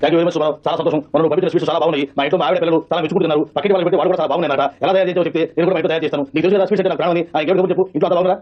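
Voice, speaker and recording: Fast-talking man in a comedy sketch. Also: on the high side, steady tone, muffled recording. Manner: rapid, talks over others. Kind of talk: comic sketch dialogue.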